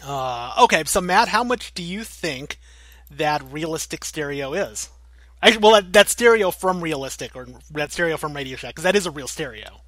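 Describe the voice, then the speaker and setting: A male podcast host with a fairly high, bright, sharp-edged voice who teases his co-host and laughs easily. He sits close to the mic in a dry, dead room. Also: expressive, moderate pace, dry recording. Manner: teasing, giggly, playful. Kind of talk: casual podcast chat.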